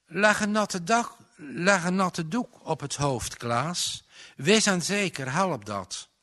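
A man's voice: high voice, animated, slow pace, sharp tone, pitched above the performer's own voice, heavily acted. A man voicing a caring farmer's wife who soothes her son. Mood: tender. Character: caring old farmer's mother.

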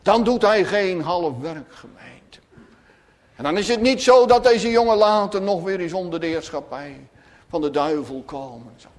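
A man's voice: high-pitched, animated, normal speed, big-room sound. A man preaching a sermon to his congregation, solemn, with dramatic rises and falls. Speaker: pastor.

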